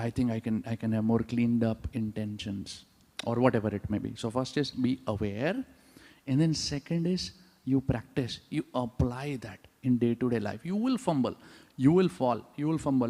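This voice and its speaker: A man with a brisk, mid-range, slightly mellow voice gives a devotional class in a temple hall, where long reverb trails his words. He keeps the audience engaged, frequently checking in with a questioning "huh?".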